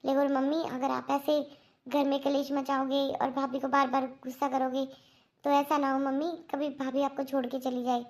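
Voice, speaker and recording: An earnest young married daughter in a family cartoon, voiced by a woman, lecturing her mother patiently and firmly. Her voice sits high and bright. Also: little pitch movement, moderate pace. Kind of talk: Hindi cartoon dubbing.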